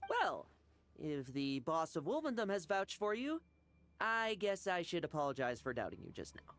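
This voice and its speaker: An actor voicing a swaggering, blunt young knight with wry, dry humor. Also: male voice, fairly high pitch, sing-song, normal speed, fairly bright tone.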